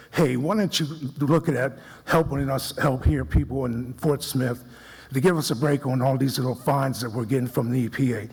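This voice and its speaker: Male citizen speaker, gravelly and breathy, earnest public comment in a reverberant chamber. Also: medium pitch. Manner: earnest, repetitive, restarts often. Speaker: citizen speaker at city council forum. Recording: echoey council chamber.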